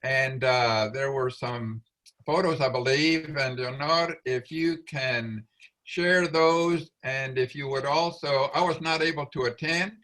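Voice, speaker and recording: Man, very slow, bright tense tone, halting meeting host on a video call. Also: medium pitch. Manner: many fillers and restarts, slow deliberate delivery. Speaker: club meeting leader. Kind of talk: hesitant meeting chairing over video call.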